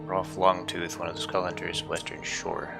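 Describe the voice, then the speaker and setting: Deep gravelly man casually narrating gameplay. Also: little pitch movement, moderate pace. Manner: dry, wry remarks while playing. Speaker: let's play gamer. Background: game music.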